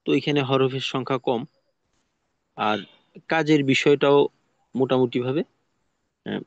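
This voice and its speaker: A man teaching Quran recitation in an online lesson, explaining slowly and patiently with pauses. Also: mid-range voice, fairly even intonation, dry recording, highs cut off.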